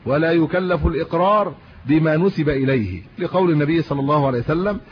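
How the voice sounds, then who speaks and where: In a faint-hissing, muffled lo-fi clip, a man with an Egyptian Arabic accent talks fast in a voice on the high side. As a religious teacher, he reads classical texts and explains them in everyday speech, peppering his lesson with rhetorical questions.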